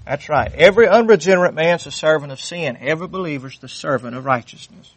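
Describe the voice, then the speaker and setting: A man's voice: on the high side, fast, breathy edge, no room sound. A man preaching a sermon, fervent and repetitive, reading scripture aloud with rising intensity. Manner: fervent, repeats phrases, reads scripture aloud.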